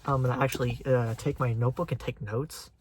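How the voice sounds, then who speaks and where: A man's voice: medium pitch, a little fast, slightly rough. Young male vlogger, mid-range voice, eager rambling fan chatter. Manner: excited, rambling fan talk. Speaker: channel host. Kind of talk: casual chat.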